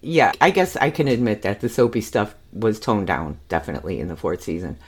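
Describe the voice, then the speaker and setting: A woman with an unusually deep, low-pitched voice co-hosts a casual fan discussion podcast. She gives frank opinions and laughs often as she talks. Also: big pitch swings, fairly quick, slight background noise. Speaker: podcast co-host.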